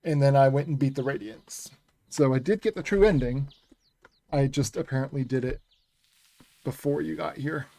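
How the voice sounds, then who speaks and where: A man's voice: mid-range voice, moderate pace, creaky, pauses often, dark tone. A man streaming a video game, chatting casually with viewers over a headset. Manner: chatty, talks to chat while playing. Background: game music.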